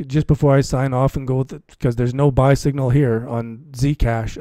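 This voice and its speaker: Clean studio sound with a dry recording captures a livestream host who comments on cryptocurrency trading. He talks with viewers in a casual way, using a warm, mid-range voice and repeating phrases for emphasis.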